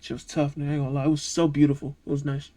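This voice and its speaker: A young Georgia man with a Southern accent reacts to a video in casual, profane commentary, often breaking into laughs. His voice sits on the high side with little pitch movement, racing yet mellow, over a little hiss or hum.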